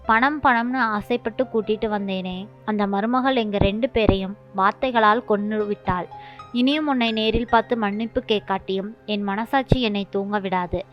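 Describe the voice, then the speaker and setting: A woman's voice: mid-range voice, close to an everyday voice. A remorseful, tearful old mother-in-law, as a woman reads her. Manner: pleading, regretful. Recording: dull lo-fi with faint music.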